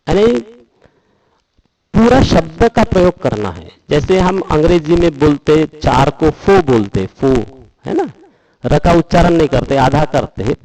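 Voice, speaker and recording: Middle-aged male dhamma teacher; unhurried, slightly raised pitch, slow drawn-out chanting. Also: a little mellow, no room sound, low-quality recording. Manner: explains slowly, then chants Pali verses drawn out. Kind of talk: dhamma talk teaching Pali pronunciation.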